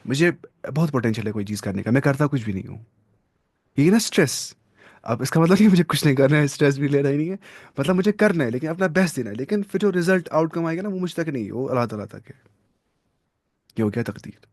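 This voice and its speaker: A man giving a religious lesson. He reads passages of text slowly, then explains them in a relaxed, conversational way and often checks in with his listeners through tag questions. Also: fairly high pitch, no room sound, studio quality. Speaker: religious studies teacher.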